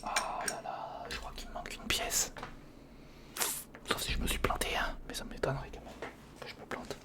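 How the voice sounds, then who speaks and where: Building something on camera, an ASMR video creator murmurs casual commentary in a breathy male whisper at a moderate pace. His words are aimed half inward, half at the viewer.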